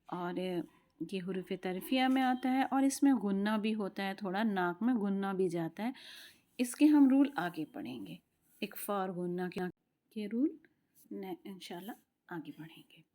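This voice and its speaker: A woman teaching Quran pronunciation, explaining patiently and slowly modelling each letter sound, sometimes dropping to a soft whisper. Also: medium pitch. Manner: drops to a soft whisper at times. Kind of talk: tajweed lesson.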